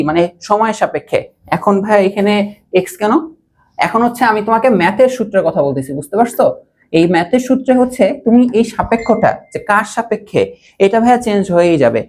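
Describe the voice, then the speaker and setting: A man's voice: high-pitched, fast. Young man, online math tutor; question-and-answer style, keeps checking that the class follows. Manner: repeats key points as questions and keeps checking that students follow; mixes English math terms into casual speech. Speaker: teacher. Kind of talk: online physics and math lesson.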